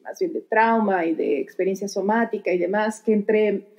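A woman hosting a casual podcast, speaking in a thoughtful, searching way with soft fillers as she works through her ideas. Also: mid-range voice, steady tone, moderate pace, lo-fi sound.

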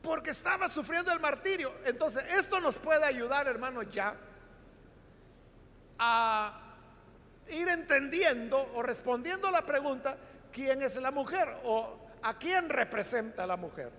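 Salvadoran pastor guy, really high bright voice, explaining scripture and asking the church questions, long echo off the hall. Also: lively intonation, a little slow. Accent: Salvadoran Spanish. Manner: explanatory, addresses the congregation with rhetorical questions. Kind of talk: Bible study sermon.

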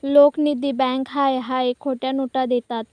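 A woman voicing a bold young woman who loudly accuses a bank, in her own high voice. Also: level tone, normal speed, dry recording, natural voice. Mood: angry. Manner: loud, accusing. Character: bold young woman staging an angry scene.

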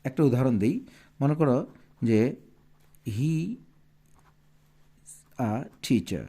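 A man's voice: medium pitch, expressive, drawn-out words, dark tone. A man teaching a primary school English lesson, patiently asking his pupils questions and repeating each answer. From Bangladesh.

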